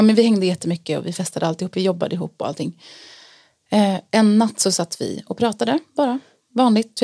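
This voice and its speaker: A woman telling her personal story in an interview, earnest and reflective, pausing often with fillers. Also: medium pitch, gravelly, dark tone, no room sound, studio quality. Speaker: interview guest sharing testimony. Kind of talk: personal testimony in conversation.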